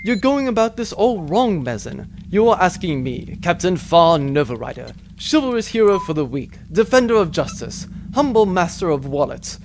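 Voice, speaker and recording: A boastful, roguish space captain acted by a man in a comedic sci-fi audio drama. His voice sits high for a man and swings theatrically with pompous bravado. The amateur recording has clear background noise. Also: sing-song, moderate pace, few pauses. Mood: grandly boastful.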